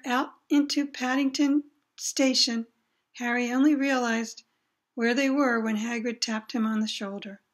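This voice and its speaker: A woman reading a children's novel aloud, plain storytelling with brief asides to listeners. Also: fairly high pitch. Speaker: reader.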